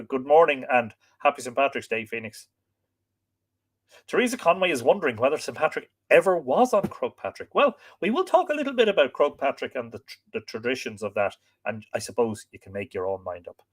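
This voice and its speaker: Lilting Irish man hosting a livestream. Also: mid-range voice. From Ireland. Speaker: livestream host and storyteller. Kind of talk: informal livestream chat, reading out viewer greetings.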